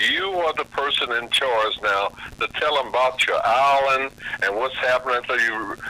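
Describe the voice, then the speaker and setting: A man hosting a call-in radio talk show, speaking in an unhurried way as he introduces callers and announces events. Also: mid-range voice, sharp tone. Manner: unhurried, announcing and giving directions. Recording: noisy radio broadcast.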